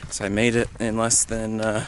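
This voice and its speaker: A young man with a lowish voice talks into a handheld camera out on a mountain trail, stopping and starting with plenty of ums. He sounds a little winded at times from the climb. Steady outdoor noise sits clearly behind him. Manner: halting, many fillers, easygoing. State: out of breath while hiking uphill. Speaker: thru-hiker vlogger. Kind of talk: casual trail vlog.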